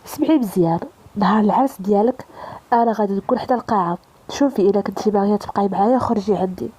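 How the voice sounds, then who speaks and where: A woman's voice: medium pitch, racing, dark tone, slightly rough, lightly acted, poor audio. A woman voicing a devoted young man, a secret lover, with a Moroccan accent. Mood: earnest.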